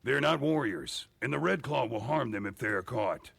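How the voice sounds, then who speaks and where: A man's voice: medium pitch, lively intonation, moderate pace, creaky, a bit bright, husky, dry recording, full character voice. An actor playing a weary male village leader in hiding in a video game, speaking with grave earnestness. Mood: solemn. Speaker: game character.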